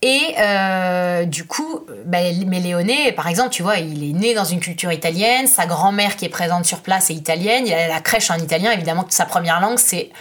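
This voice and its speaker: A French woman in her thirties, a guest in a relaxed interview, talking in a lively, chatty way and often saying "you know". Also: lowish voice, brisk, few pauses. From France. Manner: lively, chatty, says "tu vois" a lot. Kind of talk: casual conversational interview.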